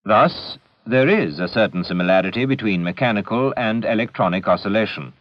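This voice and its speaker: A man with a lowish, animated voice narrates a scripted educational film in a measured, deliberate, didactic manner. The soundtrack comes from old 16mm film, with dull audio and no room sound.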